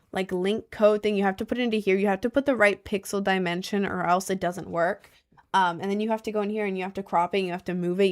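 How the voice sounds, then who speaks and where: Young woman rambling on a livestream. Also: mid-range voice. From United States. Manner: rambling, chatty, fillers like um and like. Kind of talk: casual stream chat. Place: home streaming desk.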